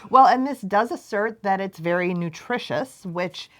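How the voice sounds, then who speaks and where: A woman co-hosting a casual chat, cheerful and quick to laugh. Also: medium pitch, a bit bright. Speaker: life coach and co-host.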